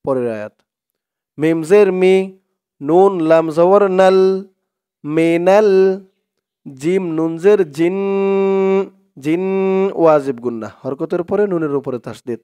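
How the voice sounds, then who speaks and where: A man teaching Quran reading, spelling out Arabic words letter by letter and chanting them slowly for viewers to repeat. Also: a little high, expressive, dark tone, smooth. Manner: slow, patient drilling with drawn-out chanted recitation; addresses viewers directly as "dorshok".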